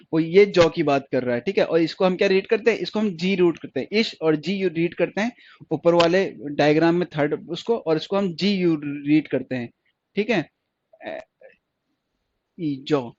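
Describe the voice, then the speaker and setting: A man's voice: high-pitched, dry recording, muffled recording. A man teaching a stenography class online, repeating each point and asking questions he then answers himself. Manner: repetitive, asks questions and answers them himself.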